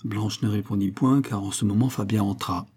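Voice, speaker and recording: A man narrating a classic novel as an audiobook, with an even storytelling delivery. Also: on the low side, normal speed, slightly rough. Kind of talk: scripted narration.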